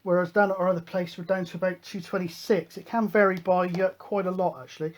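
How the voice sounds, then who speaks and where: A man's voice: sits high, fairly even intonation, quick pace. British man giving a casual hands-on demo. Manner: chatty, matter-of-fact. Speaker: host of a hobby electronics video show.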